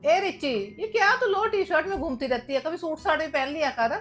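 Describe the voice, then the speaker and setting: A woman acting in a comedy skit, talking in a loud, scolding, bossy way. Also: sits high, expressive, brisk, soft background music. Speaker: actor in comedy skits.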